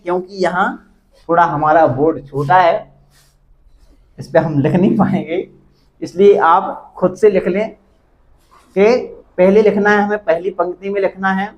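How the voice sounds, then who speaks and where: A man teaching a Hindi grammar lesson at a board, explaining slowly and repeating each example aloud. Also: high voice, highs cut off. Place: classroom with a small board.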